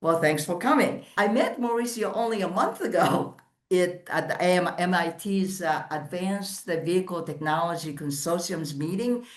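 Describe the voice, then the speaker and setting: A woman hosting an interview, introducing her guest in a chatty, lively way. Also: on the low side, normal speed, roomy sound. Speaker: host, editor-in-chief.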